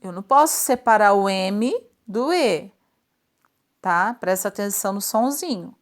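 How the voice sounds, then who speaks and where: A woman's voice: medium pitch, expressive. A woman teacher going through a spelling lesson for children, patiently drawing out each example word and checking in with short questions. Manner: slow, patient, stretches out example words; checks in often with tag questions.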